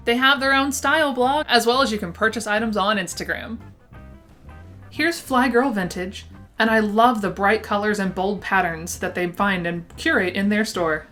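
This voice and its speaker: A woman presenting a vintage shop roundup narrates an upbeat scripted list to camera, her sharp, slightly high voice marked by a lisp that makes her s slushy. Background music is present.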